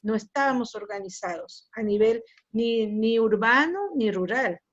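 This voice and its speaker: A woman from Ecuador, a university lecturer, speaking in a measured, reflective way as she asks a question on a video call. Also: a little high, expressive. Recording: muffled lo-fi video call audio.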